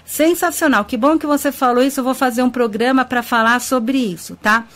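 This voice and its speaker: A woman with a Brazilian Portuguese accent hosts a web radio show on ufology and spirituality from a studio, her voice high, fairly quick and a bit bright. Warm and talkative, she greets listeners by name and laughs a lot while discussing spirituality.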